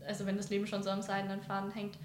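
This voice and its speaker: Hesitant flat-voiced woman. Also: medium pitch, racing, crowd noise. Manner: hesitant, searching for words, sincere. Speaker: interview guest sharing her story. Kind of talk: personal interview talk. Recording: roomy echo, faint background noise.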